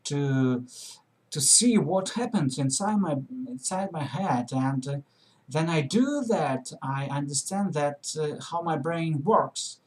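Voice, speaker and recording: Slow-talking Russian-accented man. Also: a little high, lively intonation, darkish tone. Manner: halting, many fillers and restarts. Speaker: English learning vlogger. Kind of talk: casual lesson to webcam. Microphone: webcam.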